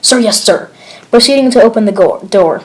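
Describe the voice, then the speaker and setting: A rattled male squad leader reporting in over the radio, played by a woman, his words hurried and shaken. An amateur horror audio log, read at home. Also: medium pitch, animated, a little mellow, lightly acted. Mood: tense. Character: nervous male soldier leading a squad.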